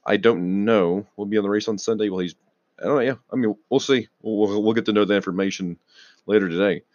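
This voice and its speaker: A young man casually rambling on his own show, restarting sentences, swearing now and then and clearing his throat a lot, sounding tired. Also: lowish voice, fairly even intonation, fast talker, darkish tone, no echo, lo-fi sound. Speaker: auto news vlogger.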